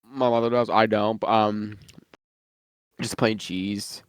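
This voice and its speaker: A man's voice: fairly low pitch, steady tone, takes it slowly, smooth, no room sound. Male, casual rambler, slightly muffled from eating, dry close recording. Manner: rambling, many fillers and restarts. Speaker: guest worldbuilder. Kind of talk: casual chat about fictional lore.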